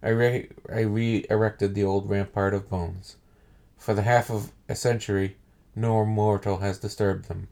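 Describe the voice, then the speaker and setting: A man hosting a podcast, reading a horror story aloud with deliberate, measured phrasing and pauses. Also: fairly low pitch, flat delivery, creaky, a little mellow. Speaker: podcast host and reader.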